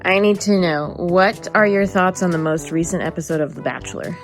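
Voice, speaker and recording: A young woman in a casual recap chat, talking fast and exasperated as she acts out scenes for her viewers. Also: lowish voice, soft background music. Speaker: vlog host.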